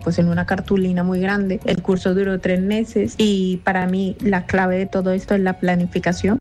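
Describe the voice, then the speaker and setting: A woman's voice: fairly low pitch, mellow. A woman in her thirties from Colombia, giving a thoughtful testimonial with some hesitation. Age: 30s. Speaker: testimonial guest, civil servant.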